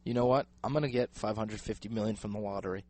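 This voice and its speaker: A man co-hosting a loose, casual talk radio show, animated and joking, talking into a headphone mic in a studio. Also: lowish voice, quick pace, dry recording. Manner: animated, joking, says dude a lot. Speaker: radio co-host.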